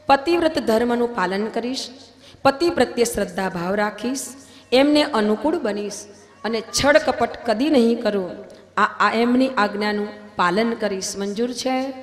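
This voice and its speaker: Reciting vows and preaching at a religious wedding, a woman delivers her words emphatically, swelling in volume on the points that matter. Her voice is a little high and her pace measured, and the hall adds long reverb alongside faint music.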